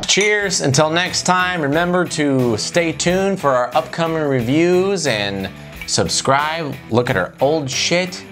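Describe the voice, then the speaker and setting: A man's voice: on the high side, expressive, slow pace, music in the background. A man in a casual, comedic movie review chat, loose and rambling as if getting drunk, swearing and ranting and acting out mock dialogue. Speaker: film review host.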